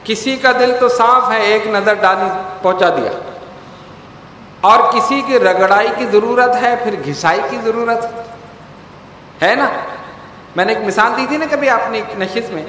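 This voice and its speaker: A man delivering a storytelling sermon, acting out quoted dialogue with lively emphasis. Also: high voice, long pauses, a little hiss or hum. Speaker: religious preacher. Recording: echoey hall with long reverb.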